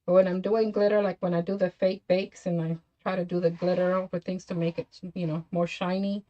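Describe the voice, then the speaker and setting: A woman's voice: lowish voice, flat delivery, brisk, highs cut off. A woman hosting a craft tutorial, chatting casually with viewers by name and laughing often. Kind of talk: casual livestream crafting chat.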